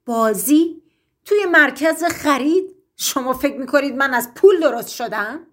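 A woman voicing an angry father bear who shouts at his cubs in a storybook reading. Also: sits high, animated, pitched above the performer's own voice. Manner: shouting, indignant.

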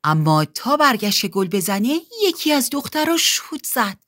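A woman narrating a children's storybook in an expressive reading. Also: a little high.

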